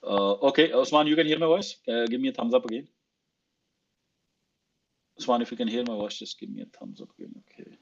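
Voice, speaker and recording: Husky North Indian Punjabi-accented man. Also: mid-range voice, sing-song, a little fast, pauses often. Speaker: host of an online audio discussion. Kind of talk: casual political discussion. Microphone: online audio call. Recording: slightly muffled online call audio.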